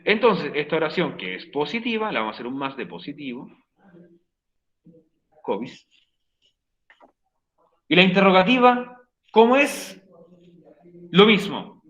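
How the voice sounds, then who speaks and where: A high, bright male teacher explains grammar to his online class, teasing students and repeating each rule. The sound is roomy, with a dull, lo-fi stream quality. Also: very animated, unhurried, long pauses. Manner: playful, joking with students; repeats key points for the class. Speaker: English teacher.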